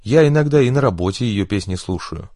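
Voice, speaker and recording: A man voicing an unflappable male gangster who talks in a calm, everyday tone. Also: fairly low pitch, fairly quick, no room sound, clean studio sound. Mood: calm cocky.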